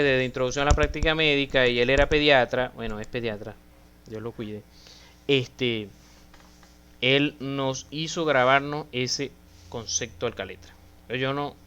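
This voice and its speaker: Man, university medical lecture, conversational, asks students questions, crisp tone. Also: mid-range voice, a bit bright, dull audio.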